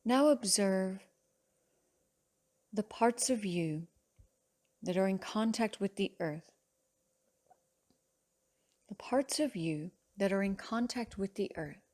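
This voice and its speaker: With a medium-pitched voice that is a little mellow yet animated, a female yoga teacher guides a relaxation meditation. Her speech is soothing and measured, broken by long pauses between phrases.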